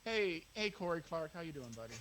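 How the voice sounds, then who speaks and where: Playful joking man, lively pitch. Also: fairly quick, a little hiss or hum, poor audio. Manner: joking, playful, self-mocking. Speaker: guest streamer. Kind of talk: casual live-stream banter.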